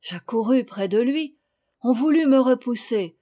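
Mellow, higher-voiced woman reading a story. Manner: calm, measured storytelling with dramatic rises. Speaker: audiobook reader. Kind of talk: scripted narration.

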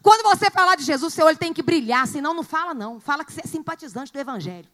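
Fervent high-voiced woman pastor preaching. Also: lively intonation, racing. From Brazil. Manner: preaching with rising fervor, rhetorical questions, bursts of shouting. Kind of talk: sermon. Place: church.

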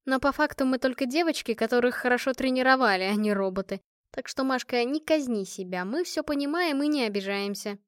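A woman voicing a calm, kind young woman teammate who speaks soothingly in an audiobook. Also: high-pitched, fairly quick, hardly any pauses, dry recording, clean studio sound, lightly acted. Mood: reassuring.

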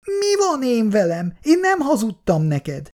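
A man reading aloud, voicing a tearful, sharp-tongued young woman in a high, pleading voice. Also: huge pitch swings, exaggerated voice. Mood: hurt, accusing.

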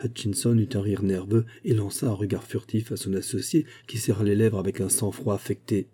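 A man reading a classic novel aloud as an audiobook narrator, measured and expressive. His voice is low and very dark, with a husky grain. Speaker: audiobook reader.

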